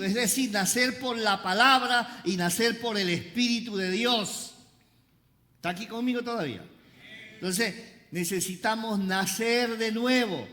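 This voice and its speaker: A pastor preaching a sermon, having the congregation repeat lines after him, with playful joking asides. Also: male voice, high-pitched, pushed and bright. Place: church service. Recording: reverberant church hall.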